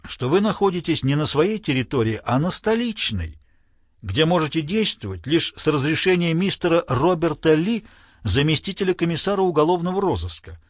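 A man's voice: on the high side, very animated, normal speed, no room sound, clean studio sound. A man playing a sardonic, mock-polite lawyer. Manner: ironic, thoughtful, teasing.

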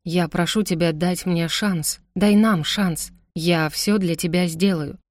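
Casting: woman playing a possessive young man, insistent and hushed, dry close sound. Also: fairly low pitch, fairly even intonation, slow pace, no room sound. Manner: insistent, then hushed and pleading. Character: possessive young adult man, intense older stepbrother.

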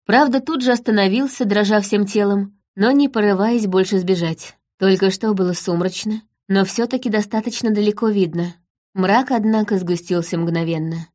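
A woman narrating a story in the first person at a steady, measured storytelling pace. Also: mid-range voice. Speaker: audiobook narrator.

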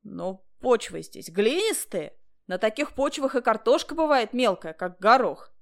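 A woman voicing a crafty, jovial older man with a loud, coaxing way of talking, in a storybook reading. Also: fairly high pitch, sing-song, measured pace, creaky, full character voice. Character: sly folksy older man, cheerful old worker.

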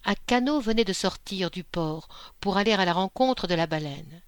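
A woman reading a classic short story aloud in a measured, expressive narration. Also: medium pitch, smooth, no echo. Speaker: audiobook reader.

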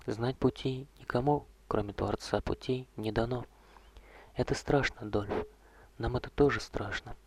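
A man doing a hushed old vampire courtier. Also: mid-range voice, husky. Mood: sorrowful. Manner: soft, slow, hushed, often whispered. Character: old male vampire courtier, gentle, weary, ironic.

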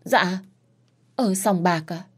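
A spineless young man in a spoken story, his voice whining and anxious, put on by a woman narrator. He pleads rather than speaks, low and unsteady. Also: takes it slowly, slightly rough. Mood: scared. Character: cowardly spoiled young man in debt.

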